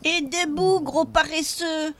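A small girl lost in the woods, as a male narrator puts her on, calling out in a childlike voice. It is pitched very high and comes out slow and stretched. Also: slight background noise. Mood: hopeful. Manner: crying calls, childlike. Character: frightened little girl lost in the forest.

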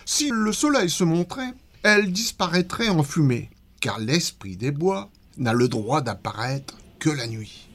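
A man narrating a children's storybook in an expressive, dramatic read-aloud manner. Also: on the high side, a little slow, few pauses.

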